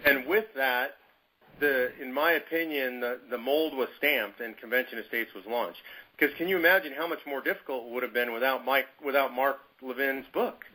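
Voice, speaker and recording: A man's voice: medium pitch, moderate pace, sharp tone, poor audio. A man telling a personal story to his movement's leaders on a conference call, in a conversational, emphatic way. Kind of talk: storytelling anecdote.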